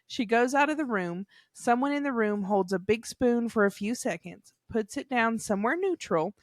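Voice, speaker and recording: A woman's voice: fairly high pitch, lively intonation, moderate pace, dry recording, studio quality. A woman, co-hosting a casual podcast and reading stories aloud with small laughs. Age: 30s. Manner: amused, laughs between lines. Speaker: podcast co-host.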